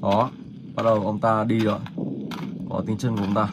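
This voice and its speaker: A man hosting a gaming channel, casually talking viewers through a horror game step by step, with filler pauses. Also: lowish voice, flat delivery. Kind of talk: casual gameplay commentary. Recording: noticeable background noise.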